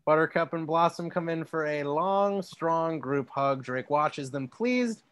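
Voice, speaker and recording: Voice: medium pitch, measured pace, clear, resonant tone, dry recording. A podcast co-host reading a script's stage directions aloud, with wry asides.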